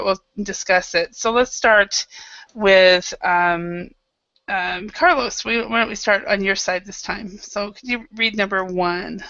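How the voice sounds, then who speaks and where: A woman's voice: mid-range voice, a bit bright, no room sound, muffled recording. A woman from Idaho teaching an online English class, patient and encouraging, with many fillers. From Idaho, United States.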